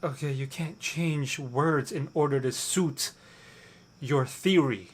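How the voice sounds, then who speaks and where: A man's voice: on the high side, slow pace, slightly rough. A man, an ex-pastor, reacting to a video and skeptically rebutting its claims, often repeating himself as he restarts. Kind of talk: reaction commentary.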